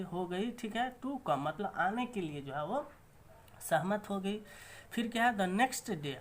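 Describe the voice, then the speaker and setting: A woman teaching English in Hindi. She reads each English line slowly and then explains it quickly, often asking her viewers "ठीक है?". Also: fairly low pitch, a little hiss or hum. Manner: addresses viewers as friends, keeps asking "ठीक है?".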